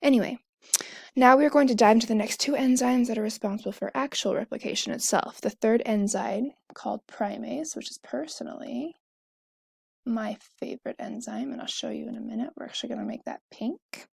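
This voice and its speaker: A woman's voice: on the high side, fairly quick, vocal fry, darkish tone, breathy edge, dry recording, studio quality. A young woman talking casually, explaining a topic step by step while she draws, often correcting herself mid-sentence. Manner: chatty, self-correcting, fillers and asides.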